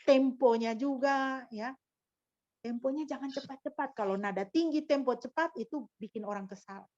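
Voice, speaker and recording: A woman pastor preaching in a fairly high voice, teaching point by point and tossing rhetorical questions to her listeners. The recording is dry and somewhat dull, like a lo-fi capture. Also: moderate pace, a little mellow, no echo. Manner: didactic, with frequent rhetorical questions. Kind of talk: sermon.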